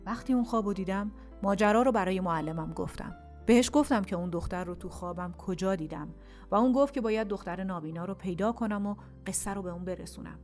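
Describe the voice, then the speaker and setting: A gentle, well-travelled storyteller bird from a children's audio tale speaks reassuringly to its young friends, voiced by a woman narrator. The voice is lively and a little raised, with faint music underneath. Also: mid-range voice, close to an everyday voice. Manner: warm, reassuring, talkative. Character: kind wise wandering storyteller bird.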